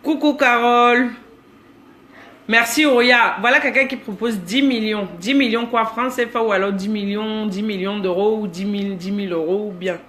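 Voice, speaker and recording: A woman in her thirties with a Cameroonian accent hosts a casual live stream, reading out comments and greeting viewers by name. She talks in a lively, teasing way at a middle pitch. Faint background noise sits under her phone recording. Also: moderate pace.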